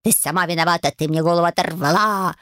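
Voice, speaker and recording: A woman's voice: fairly low pitch, quick pace, no echo, clean studio sound, close to an everyday voice. A woman voicing a cranky old talking door handle with a wolf's head, whiny and indignant, in an audiobook. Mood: grumbling, haggling. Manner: whiny, indignant, shouting and bargaining. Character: cranky ancient talking door handle, wolf-headed, male. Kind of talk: audiobook character voice.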